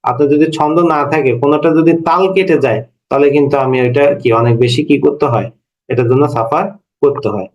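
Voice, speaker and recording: A man's voice: a little high, brisk, darkish tone, dull audio. A man in his thirties teaching a language lesson to a class, explaining step by step and asking his students questions. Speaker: Bengali language lecturer. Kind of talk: classroom lecture.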